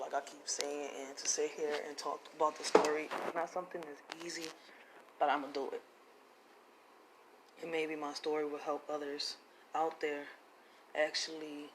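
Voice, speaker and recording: A woman from Puerto Rico, raised in Philadelphia, tells her viewers her own hard life story straight to camera, plainspoken and confessional, with casual slang. Her voice sits low, and the low-quality recording has a little hiss or hum.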